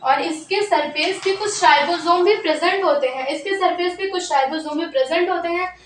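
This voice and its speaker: A woman's voice: very high-pitched, moderate pace, slight background noise. A woman teaching a biology class, repeating key terms and asking questions she then answers herself, and slipping English phrases into her talk. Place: room with a board. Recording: echoey room, mic at a distance.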